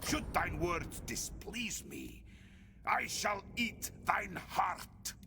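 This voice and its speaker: An actor playing an imperious vampire necromancer in a fantasy game, with a dark, sneering, gloating and archaic pompous delivery. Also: male voice, high voice, huge pitch swings, drawn-out words, creaky, slight background noise, exaggerated voice. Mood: menacing, imperious. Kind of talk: theatrical fantasy game voice acting. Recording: game audio under loud music.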